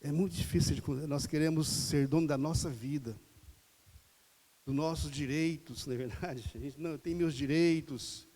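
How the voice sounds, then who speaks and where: A man's voice: on the high side, fairly even intonation, moderate pace, dark tone. A man preaching a sermon in Brazilian Portuguese, conversational, firing off rhetorical questions and acting out voices. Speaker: pastor. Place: church hall. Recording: reverberant church hall.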